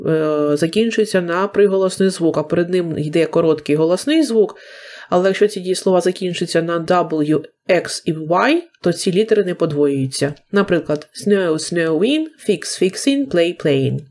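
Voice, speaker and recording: Lower-voiced Ukrainian woman teaching English. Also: darkish tone. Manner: patient, slows down to model English examples. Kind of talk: video lesson explaining grammar.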